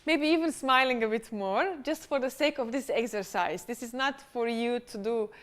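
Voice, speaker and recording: A woman runs a pitch workshop, encouraging and directive as she coaches. Her voice sits a little high. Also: normal speed, a bit bright.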